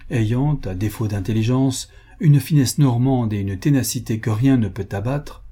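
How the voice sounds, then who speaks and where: Mellow-voiced male audiobook narrator. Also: medium pitch, breathy edge. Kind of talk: scripted literary narration.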